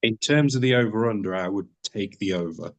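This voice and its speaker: A man's voice: lowish voice, a little fast. A man from the UK co-hosting a podcast in casual chat, laid-back with brief answers. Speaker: podcast co-host.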